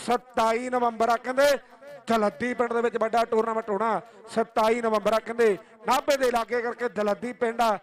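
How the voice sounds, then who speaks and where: A Punjabi-accented man works as live announcer at a kabaddi tournament. His voice is pitched very high for a man, and he declaims names and plays, often saying a phrase over again. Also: level tone, normal speed. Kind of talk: live sports commentary and announcements.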